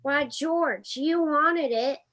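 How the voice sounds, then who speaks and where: A woman's voice: high voice, extremely slow, a bit bright, heavily acted. A young woman voicing a flustered mother who scolds her son in a school play reading. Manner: fussing, scolding.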